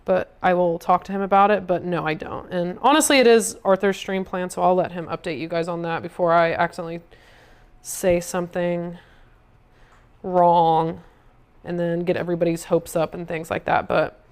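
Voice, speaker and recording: A woman's voice: fairly low pitch, steady tone, normal speed, clear, resonant tone. A woman livestreaming from her home kitchen, chatting to viewers while she cooks. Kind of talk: casual livestream chat.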